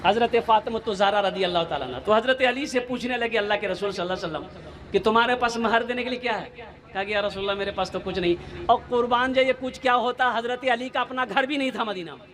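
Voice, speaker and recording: High-voiced man preaching fervently. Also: fast, fairly bright tone. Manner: fervent, rhetorical questions and exclamations. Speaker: Islamic preacher. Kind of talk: sermon.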